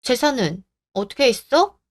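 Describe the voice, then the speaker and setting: An actor playing a firm young husband in a radio drama, calmly reasoning and standing up for his wife. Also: very high voice, a little slow, full character voice. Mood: concerned. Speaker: husband and son.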